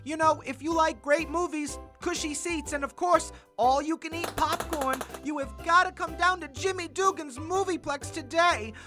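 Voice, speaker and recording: A woman's voice: high voice, normal speed, few pauses, over music, close to an everyday voice. A woman playing a chirpy, boastful movie-theater proprietor in a parody local advert. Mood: upbeat.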